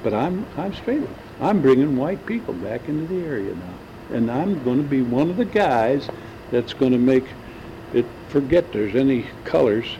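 This recording, made indoors in a big banquet room on hissy lo-fi tape, captures a man in his 70s in a relaxed oral-history interview. He speaks at a normal speed in a mid-range voice that is very animated, wandering through memories and frequently getting stuck trying to recall names.

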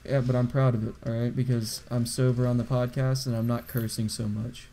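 A man's voice: medium pitch, little pitch movement, fairly quick, mellow, a little hiss or hum. Rambling young man on a voice call. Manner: rambling, hedging, laughs often. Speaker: podcast co-host. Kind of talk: casual chat.

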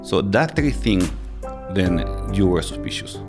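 A man in his fifties with a Salvadoran Spanish accent and a very low voice tells his story in English, his second language. He pauses often, repeats words and restarts his sentences as he feels for the phrasing. Plucked guitar music plays clearly behind him. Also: very animated. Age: 50s. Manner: halting, searching for words, many fillers and restarts. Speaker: interview guest. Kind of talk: personal interview.

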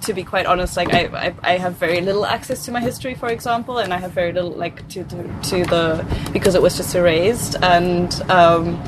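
Hesitant low-voiced woman with street noise. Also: steady tone, fairly quick, few pauses. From Brazil. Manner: hesitant, many fillers and restarts. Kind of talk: casual reflective chat.

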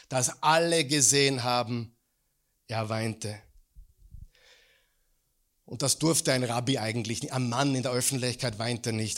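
A man preaching a sermon as pastor in a church, asking the congregation questions and swinging from loud peaks to quiet low lines.

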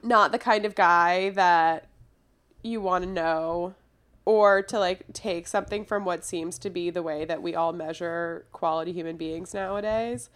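A woman's voice: fairly low pitch, a little slow, clean tone. Nasal, congested woman chatting casually. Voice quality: nasal, stuffed-up from a cold. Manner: informal, hedging, slangy. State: congested with a cold. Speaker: podcast co-host. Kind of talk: casual pop culture chat.

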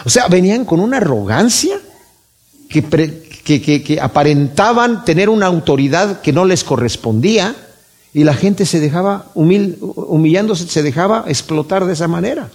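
A man preaching a sermon, shifting between loud, emphatic lines and hushed, tender asides to his listeners. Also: sits high, lively intonation, moderate pace. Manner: addresses listeners as "mis amados".

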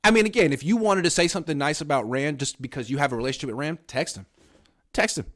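A man's voice: a little high, quick pace, fairly bright tone. A man in his thirties co-hosting a casual sports talk show, emphatic and wry, often slipping into mock quotes. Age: 30s. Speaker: podcast co-host.

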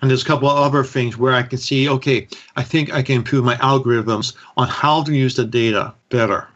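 A man, a podcast guest, explaining his free microbiome website in earnest detail with frequent "um"s, heard over a low-quality remote audio stream. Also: fairly even intonation, brisk, fairly bright tone. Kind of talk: explaining in an interview. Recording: muffled lo-fi remote call audio.

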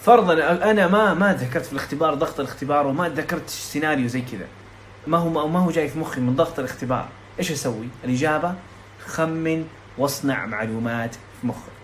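A young man from Saudi Arabia, tutoring casually for an exam, talking quickly and chattily with frequent restarts and English terms mixed in. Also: a little high, a bit bright, slight background noise. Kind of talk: casual explanatory lesson.

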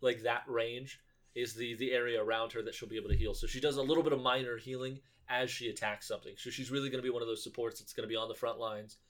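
Easygoing mid-pitched man explaining games. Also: fairly even intonation, fast, fairly bright tone. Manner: easygoing, laughs along, explains game details. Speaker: podcast co-host. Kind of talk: casual chat.

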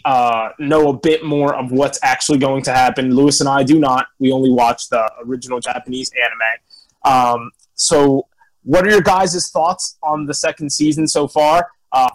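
A man's voice: medium pitch, rough recording. A young man hosting and moderating a podcast in a casual, conversational way.

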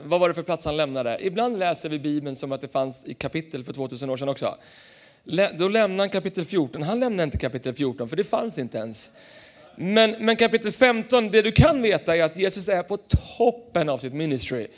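A young adult man preaching a sermon in a church, energetic and playful, jumping between loud emphatic lines and quiet asides. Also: fairly high pitch. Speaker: pastor. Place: church hall.

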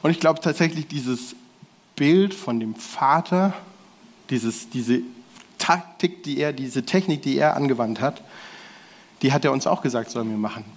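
A man's voice: mid-range voice, a little slow. A man preaching a casual sermon to a gathered audience, in slangy everyday speech with restarts and self-corrections. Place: church hall with audience.

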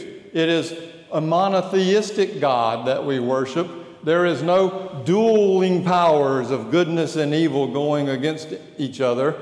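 Slow, deliberate preacher in an echoey hall. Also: male voice, fairly high pitch, a little mellow. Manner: conversational, asks the audience questions. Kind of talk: sermon. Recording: echoey hall with long reverb.

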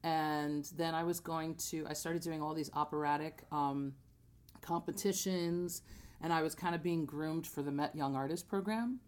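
A mellow, fairly low-voiced American woman speaks at normal speed with fairly even intonation. Born in Jamaica and raised in New Jersey, she's a theater singer appearing as a podcast guest, chatting casually and acting out snippets of dialogue while telling her story.

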